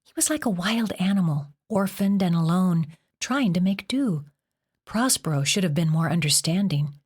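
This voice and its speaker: A woman's voice: on the low side, lively intonation, moderate pace, a little mellow, slightly rough. A woman reading as an earnest teenage girl. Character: seventeen-year-old girl, earnest and caring.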